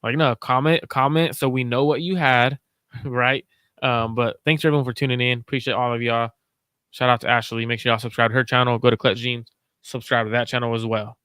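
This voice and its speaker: A man hosting a casual sports chat, analytical and measured, repeating his main points. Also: mid-range voice, steady tone, sharp tone, clean tone, no room sound. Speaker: host.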